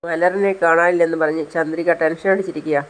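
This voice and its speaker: A man narrates a domestic drama in an easygoing spoken manner. His voice sits a little high, and he speaks the characters' lines himself in much the same voice. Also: steady tone, quick pace, low-quality recording. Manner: retells a family drama, voicing all characters himself with little change of voice. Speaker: storyteller. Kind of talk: casual spoken story narration.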